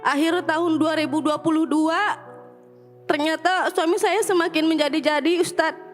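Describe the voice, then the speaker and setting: A woman's voice: high-pitched, fairly even intonation, moderate pace. A woman caller tells a painful personal story and earnestly pleads for a preacher's advice. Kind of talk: emotional personal account and question. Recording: music playing under the voice. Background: background music.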